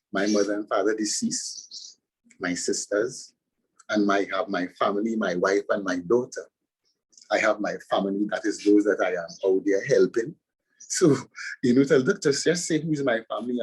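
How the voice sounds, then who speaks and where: A man's voice: fairly low pitch, slightly rough, rough recording. A man from Trinidad and Tobago with a Trinidadian accent, a pastor and author answering interview questions with earnest, preacherly emphasis.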